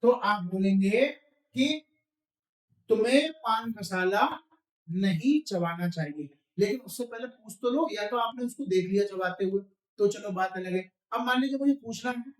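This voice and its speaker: A man teaching spoken English, drilling phrases slowly and quizzing the viewer. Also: high-pitched, roomy sound, rough recording.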